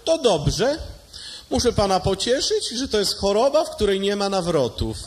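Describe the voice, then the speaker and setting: A man's voice: sits high, sing-song, moderate pace, a little hiss or hum, voice pushed up. A man voicing a brusque, impatient male doctor who speaks in a curt, raised voice.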